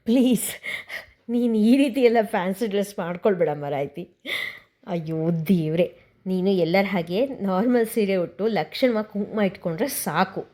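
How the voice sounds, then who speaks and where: A woman voicing a restrained young man who pleads gently in a storybook serial. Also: mid-range voice, normal speed, close to an everyday voice. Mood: exasperated.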